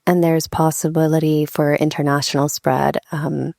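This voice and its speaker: A woman's voice: sits low, flat delivery, normal speed, vocal fry, mellow, dry recording, clean studio sound. A woman co-hosting a podcast who presents a news segment in a chatty, concerned way, with many fillers. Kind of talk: casual chat.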